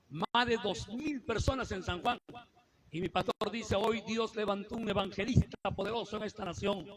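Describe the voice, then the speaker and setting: Evangelist guy preaching live in church, high voice, congregation audible behind him. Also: low-quality recording. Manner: builds from calm storytelling to shouted fervent preaching. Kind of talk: Pentecostal sermon testimony. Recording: live church recording with crowd.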